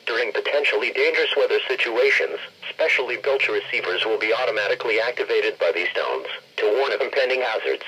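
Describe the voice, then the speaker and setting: A synthetic-sounding man's weather radio voice reading a scripted bulletin in a formal, measured, slightly rough announcer delivery over a radio broadcast. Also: medium pitch, bright, forceful tone, low-quality recording.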